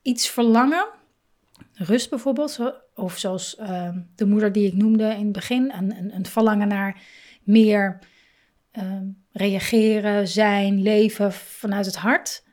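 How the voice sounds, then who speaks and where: A woman giving a reflective talk on parenting and feelings, speaking slowly and thoughtfully with soft laughs and pauses. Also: mid-range voice, fairly even intonation.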